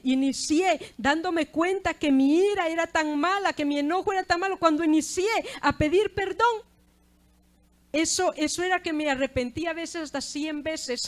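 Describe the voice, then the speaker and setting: A middle-aged woman preaching a sermon, earnest and often praising God between phrases. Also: high voice. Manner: earnest preaching with repeated "gloria sea al Señor".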